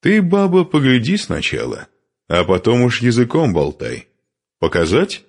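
A man voicing a brash, cheeky young male Khazar warrior in an audiobook, teasing and boastful, with a husky voice. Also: medium pitch, huge pitch swings, unhurried, voice pushed up, exaggerated voice.

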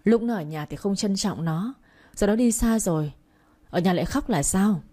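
A woman's voice: mid-range voice, lively intonation, normal speed, warm tone, close to an everyday voice. A woman voicing an older mother who speaks bluntly and reproachfully. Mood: scolding. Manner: reproachful, plain-spoken.

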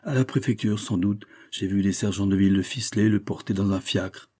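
A man's voice: fairly low pitch, a little fast, dark tone, husky. A man voicing a grumbling, unlucky police agent who complains about losing his arrest. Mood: aggrieved. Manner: aggrieved, grumbling.

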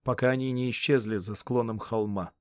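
A man narrating a historical novel in a measured, steady storytelling voice. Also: mid-range voice, no room sound, studio quality. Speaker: audiobook narrator. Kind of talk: scripted narration.

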